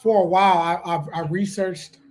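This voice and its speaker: A man co-hosting a casual chat, relaxed and reflective, with many "you know" fillers. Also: high-pitched, normal speed. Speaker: podcast co-host.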